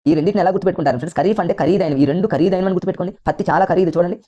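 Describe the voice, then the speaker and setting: A man's voice: sits high, dark tone, lo-fi sound. A man teaching an exam coaching lesson with a Telugu accent, repeating points and calling his listeners friends. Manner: rapid, repetitive, keeps addressing listeners as friends.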